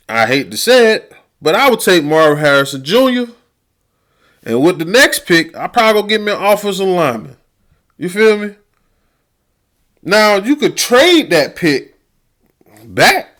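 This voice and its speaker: A man's voice: fairly high pitch, a bit bright. A man hosting a podcast, venting about football in a heated, profane, casual rant. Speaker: podcast host.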